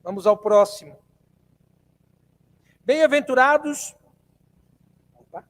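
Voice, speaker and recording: A Brazilian man delivers a spiritist talk in a meeting hall, his voice unusually high. He talks conversationally, poses questions to his listeners and repeats phrases to drive points home. The sound carries a long reverb from the room. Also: slow. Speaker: spiritist lecturer. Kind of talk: spiritist lecture to a live audience.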